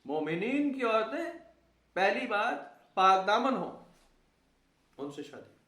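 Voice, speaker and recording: A man's voice: high-pitched, sing-song, pushed and bright. A man teaching a conversational lesson on a chapter of the Quran, talking animatedly, mixing in English words and mimicking people's reactions. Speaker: Quran lecturer. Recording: roomy, distant mic.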